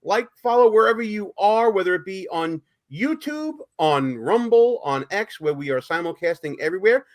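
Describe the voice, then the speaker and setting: A male talk show host with a Brooklyn accent chats informally through a live political stream. His voice sits quite high for a man and moves up and down with a lot of animation. He is loose and a little salty in his wording. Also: animated, normal speed, hardly any pauses. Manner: chatty, profane, informal.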